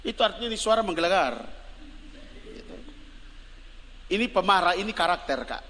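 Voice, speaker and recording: A male evangelist with a Kupang Malay accent giving a lively, joking sermon and calling on his congregation to respond. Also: high-pitched, moderate pace. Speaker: evangelist preacher. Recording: reverberant hall, faint background noise.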